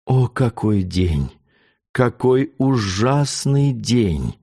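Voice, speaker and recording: A fiery young countess from an old storybook, as a male reader puts her on. Her voice is lifted and impassioned, with a lively, swinging pitch. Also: moderate pace, breathy edge. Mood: dazed.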